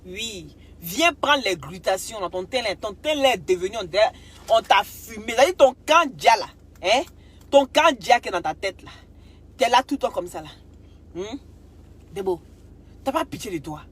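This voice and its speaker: A woman's voice: medium pitch, breathy edge. Scolding woman. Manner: scolding and insulting, swings loud and quiet, mixes in broken English. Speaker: social media commentator. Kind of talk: ranting clash video.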